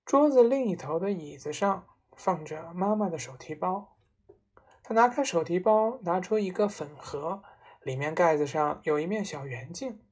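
A woman reading a children's story aloud, in an expressive storybook narration. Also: lowish voice, normal speed, slightly rough.

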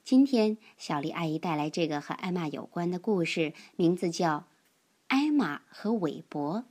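A woman reading a picture book aloud to young children as a storyteller, gentle and expressive. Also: on the low side, normal speed.

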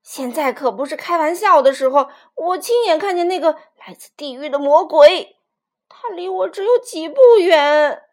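A woman plays a jittery male rooster who runs an inn in a children's storybook, always loud and insistent. His voice rides high and leaps dramatically up and down. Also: animated, a little slow. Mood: alarmed. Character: frightened, blustering innkeeper rooster, male adult.

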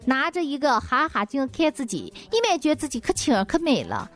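A woman's voice: high-pitched, huge pitch swings, brisk, music in the background. A woman host telling comic stories in a folksy, exclamatory monologue.

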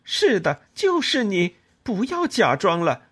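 A man voicing a furious young woman who shouts cutting accusations in an audiobook. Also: high voice, very animated, measured pace, husky, voice pushed up, full character voice.

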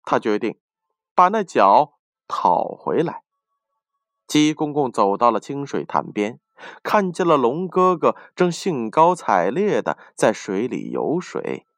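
Male storyteller, slow and very animated, dry close recording. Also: medium pitch, no room sound. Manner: expressive, lively reading. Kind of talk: storybook narration.

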